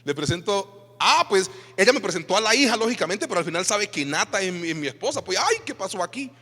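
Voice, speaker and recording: Animated preaching man in echoing church. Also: sits high, fast. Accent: Colombian Spanish. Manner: animated preaching with rhetorical questions to the congregation. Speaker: pastor. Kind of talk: sermon. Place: church hall. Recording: reverberant church hall.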